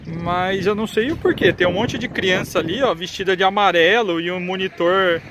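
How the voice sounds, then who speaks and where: Crowd and street noise fill the background as a travel vlogger, a man in his thirties with a Brazilian Portuguese accent, narrates outdoors in a busy town square and park. He speaks in a high-pitched voice at a moderate pace, chatting and pointing things out as he walks, phone at arm's length.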